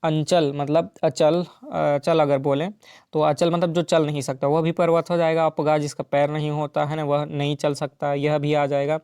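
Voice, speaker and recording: A man tutoring for an exam, his voice mellow and smooth, recorded dry and close. He works through each question step by step and checks in often with the listener. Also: fairly high pitch, little pitch movement, normal speed, dry recording. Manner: explains step by step with frequent "ठीक है" and "है ना". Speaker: teacher solving exam questions. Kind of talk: exam-prep lesson.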